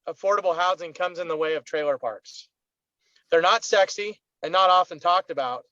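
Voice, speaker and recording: A committee member, a man calling in from his car, speaking informally with pauses and ums. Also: high-pitched, a bit bright, dry recording, highs cut off. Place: in a car, on a video call.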